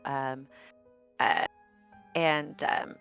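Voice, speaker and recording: A woman's voice: sits low, little pitch movement, drawn-out words, gravelly, fairly bright tone, smooth, soft background music. A woman describing her character at a tabletop game, giggling and using many fillers. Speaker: player. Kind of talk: casual tabletop chat. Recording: dull lo-fi mic.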